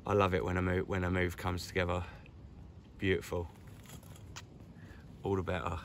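A middle-aged man chatting excitedly to the camera while fishing by a lakeside, recorded on a handheld camera. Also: low-pitched, normal speed, a little hiss or hum. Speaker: carp angler vlogger. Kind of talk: casual outdoor fishing vlog. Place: lakeside outdoors, crouched by the water.

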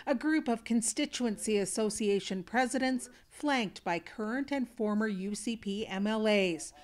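A woman's voice: medium pitch, moderate pace. A woman with a Canadian accent reading a scripted television news report.

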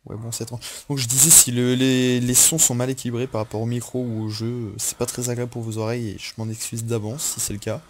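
A man's voice: mid-range voice, level tone, fast, few pauses, slight background noise. A tired young man talking casually over a game on his headset mic, rambling and apologetic. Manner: rambling, apologetic, with self-talk. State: tired after little sleep. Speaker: gaming YouTuber. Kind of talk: casual let's-play commentary.

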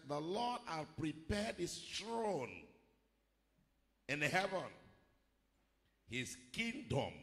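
A middle-aged male pastor giving a measured sermon into a handheld microphone at a pulpit, rising to emphatic declarations. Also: a little high, a bit bright. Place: large church hall, indoors. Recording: long hall reverb.

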